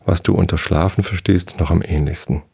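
A man's voice: sits low, steady tone, fairly quick, vocal fry, darkish tone, husky, no echo, full character voice. A man voicing a bitter, sleepless nightmare gnome in a bedtime story reading, lecturing in a condescending way. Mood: explaining.

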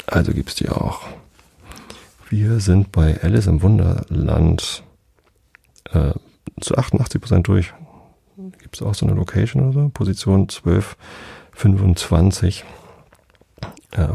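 A man calmly reading a storybook aloud as a bedtime audiobook. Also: sits low, a little slow, gravelly, long pauses, breathy edge, no room sound. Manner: calm, steady reading aloud.

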